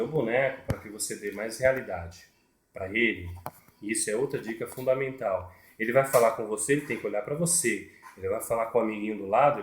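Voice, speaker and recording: A medium-pitched man repeats his points while walking through puppetry one step at a time in a tutorial. The room echoes, and there's a little hiss or hum in the audio.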